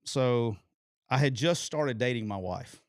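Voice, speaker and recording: A man, telling a long, animated and profane story as a podcast co-host. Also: medium pitch, a little slow, no room sound, studio quality. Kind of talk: casual storytelling chat.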